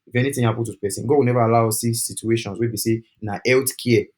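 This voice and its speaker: A young Nigerian man with a Nigerian accent, giving an animated, persuasive talk on a group call and slipping into pidgin. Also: mid-range voice, quick pace. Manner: animated, switching into pidgin, preachy. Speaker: study-abroad agent.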